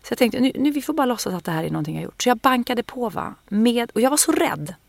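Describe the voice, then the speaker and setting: A woman's voice: fairly high pitch, very animated, gravelly, no echo. A woman, an actress, telling a story in casual podcast chat, vividly acting out the quotes.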